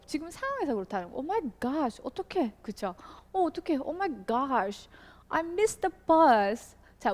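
A Korean-speaking woman teaching English in a video lesson, with frequent checking questions and slow model readings of English sentences. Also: a little high, big-room sound.

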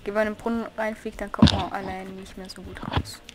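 A chatty woman playing a game alongside a friend, talking in a lively, excitable way. She keeps up a running commentary and exclaims at whatever happens on screen. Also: medium pitch, brisk, background noise. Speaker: Let's Play host. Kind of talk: casual gaming chat.

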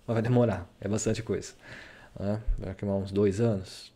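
Brazilian guy rambling on in a casual vlog, lowish voice, keeps saying "né". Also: fairly even intonation, normal speed, mellow, slightly rough. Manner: rambling, full of "né?" tags. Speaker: vlogger. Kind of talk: casual screen-share talk.

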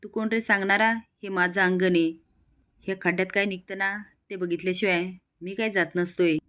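A woman's voice: medium pitch, fairly even intonation, moderate pace, fairly bright tone, lightly acted. A woman reading a stubborn defiant village youth. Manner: defiant, protesting.

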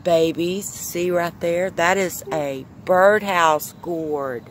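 While filming on a handheld phone in her backyard vegetable garden, a mother gives a garden tour and patiently coaxes her toddler with simple questions in casual home-video chat. Her fairly low voice is fairly even and slow, with a little hiss or hum.

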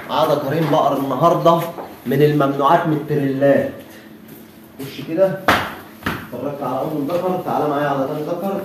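A man with an Egyptian Arabic accent hawking cattle as a livestock seller, walking viewers through animals with repeated blessings. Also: on the high side. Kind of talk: sales walkthrough. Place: outdoor cattle pen. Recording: echoey, distant, noisy.

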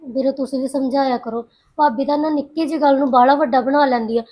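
A sensible young sister who keeps urging patience and care, played by a woman. She speaks softly in a fairly high voice, coaxing rather than arguing. She is a figure in a family drama. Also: steady tone, fast talker, close to an everyday voice.

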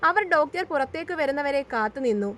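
A woman storyteller reads her serialized romance in a steady, plain manner. Her voice sits high and clear throughout. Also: fast talker.

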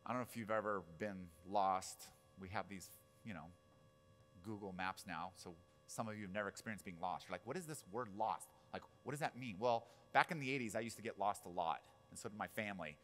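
A man's voice: on the low side, a little fast, a bit bright, faint music behind. A man in his forties, a pastor preaching a casual sermon, telling stories with asides and questions to the audience. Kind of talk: conversational sermon.

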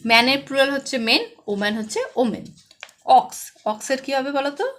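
High-voiced Bengali woman tutoring children. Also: fast talker, a bit bright. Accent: West Bengal. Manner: asks pupils questions and answers them herself, stresses each word. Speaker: primary school English tutor. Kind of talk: online lesson for young children.

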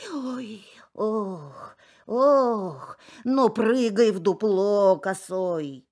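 Old pine tree granny, groaning and slow, drawn-out lively sighs, storybook voice, as a woman puts her on. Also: mid-range voice. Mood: grumbling.

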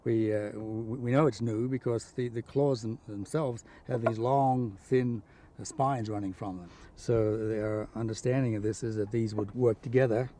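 A man explaining field findings off the cuff, halting and repeating his words as he goes. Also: lowish voice, steady tone, warm tone, slight background noise. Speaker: field scientist interviewee. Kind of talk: unscripted explanation to camera.

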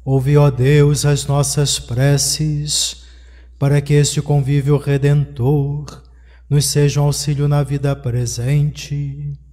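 A middle-aged Brazilian priest leads Mass from the altar of a small chapel. His voice is mellow and dark, and he draws out his prayers in a slow, measured way. The sound carries a long reverb around the room. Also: on the high side, level tone. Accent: Brazilian Portuguese. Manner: measured liturgical delivery with slow drawn-out prayers. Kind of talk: leading a livestreamed Mass. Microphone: stand mic on the altar.

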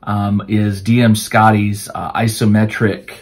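A man's voice: fairly low pitch, level tone, measured pace. A man hosting a crafting channel, answering viewer questions in a casual, rambling way, with many fillers and restarts, while his voice starts to wear out. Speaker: host of a tabletop crafting channel. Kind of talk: casual Q&A chat to camera.

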